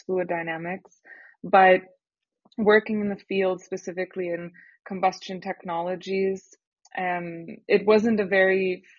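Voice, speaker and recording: Young woman, earnest startup founder type, husky timbre, dry dull studio recording. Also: on the low side, dry recording. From Canada. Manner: earnest, lively, with filler pauses. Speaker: startup founder, podcast guest. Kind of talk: casual interview talk.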